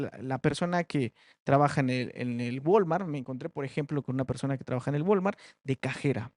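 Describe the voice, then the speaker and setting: A man's voice: on the high side, a little mellow, dry recording, clean studio sound. A man giving a classroom research presentation, talking conversationally with many fillers and tag questions.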